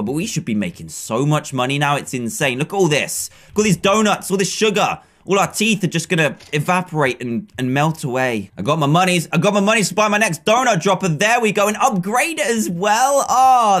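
A young man in his twenties with an English accent, giving excited, upbeat gameplay commentary and laughing often, recorded at a desk mic in a small room. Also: on the high side. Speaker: gaming video host. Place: small room, webcam corner.

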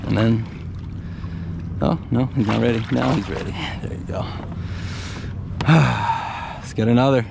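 A relaxed man in his thirties talks slowly and easily as he fishes from a kayak on open water. His voice comes through a head-mounted action camera with plenty of wind and water noise. He chuckles often as he talks. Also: mid-range voice, gravelly. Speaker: fishing vlogger. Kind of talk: casual on-camera commentary. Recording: windy outdoor action-cam audio.

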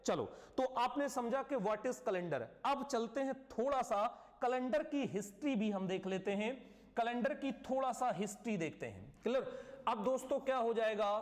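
A male teacher giving a live online class lecture, often repeating key words and checking "clear?". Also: very high-pitched, in a large hall.

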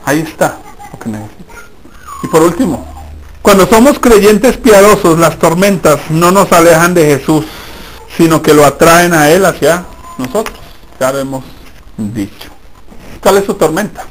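A male pastor preaching a sermon in church, emphatic and addressing the congregation directly, moving between loud and hushed. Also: on the high side, unhurried, slight background noise, poor audio.

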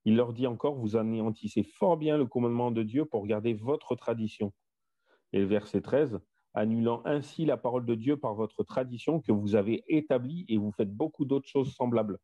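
A man's voice: mid-range voice, normal speed, warm tone, no echo, highs cut off. A man leading a casual Bible study discussion over an online voice chat, talkative and repeating himself with many fillers.

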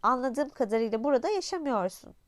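A woman voicing a calm, wise fox who explains things patiently and matter-of-factly. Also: high-pitched, fast, no room sound. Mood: explaining. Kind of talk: audiobook character voice.

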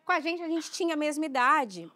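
A woman's voice: high-pitched, lively intonation, brisk, pushed and bright, no room sound. A Brazilian woman in her forties, a talk show guest, speaking in a thoughtful, nostalgic way. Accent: Brazilian Portuguese. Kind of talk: reflective conversation.

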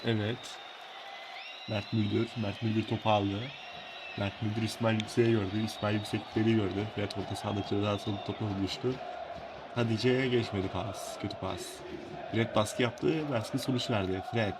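Low-voiced man, football play-by-play, short calls, noisy recording, clear crowd sound. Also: level tone, normal speed. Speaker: football commentator. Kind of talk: live football match commentary. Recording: loud crowd noise over the voice.

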